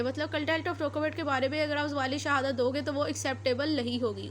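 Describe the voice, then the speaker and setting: A woman with a Pakistani accent explains law in a lecture blending Urdu and English, repeating and rephrasing points as she goes. Her voice is high-pitched and a bit bright, with slight background noise.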